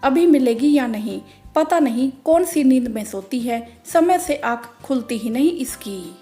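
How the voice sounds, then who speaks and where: Brief: a woman as a scolding old mother-in-law in a storybook reading, mellow and a bit high. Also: expressive, a little slow, faint music behind. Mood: nagging. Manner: complaining, demanding. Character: scolding older mother-in-law, impatient and nagging.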